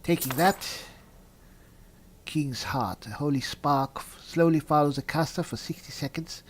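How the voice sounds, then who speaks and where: This man's fairly high voice moves at an unhurried pace as he hosts a gaming video. Staying politely in character, he reads in-game descriptions aloud and muses over them, blending roleplay with commentary on the game.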